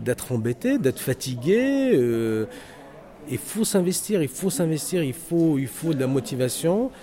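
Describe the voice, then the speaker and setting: An Algerian man with a North African accent, who heads a security training center, gives an earnest, motivational interview testimony full of fillers, hesitations, and restarts. His voice is medium-pitched and mellow. A noisy crowd chatters all around him.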